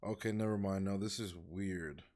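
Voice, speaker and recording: A man with a somewhat low voice chats his way through a video stream. He is casual and swears often, and he thinks out loud as he reacts. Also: steady tone, moderate pace. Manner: chatty, swears freely, thinks aloud. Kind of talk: casual live-stream commentary.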